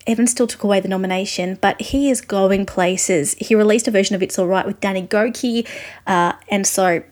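A woman's voice: medium pitch, steady tone, fairly quick, darkish tone. A woman presenting a show, introducing interview segments in a chatty, enthusiastic way. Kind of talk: linking narration.

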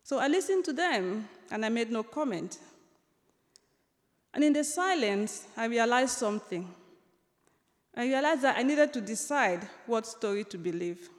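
High-voiced woman telling a story in a hall. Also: expressive, unhurried. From Cameroon. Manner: warm humor, frequent ums and restarts. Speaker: author giving a talk. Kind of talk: storytelling lecture. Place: large lecture hall. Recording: long reverb of a large hall.

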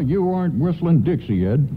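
An actor playing a jolly, folksy older department store Santa Claus in a theatrical radio play style. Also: male voice, fairly high pitch, very animated, normal speed, a little hiss or hum. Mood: weary, wry. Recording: muffled vintage-style radio broadcast with music.

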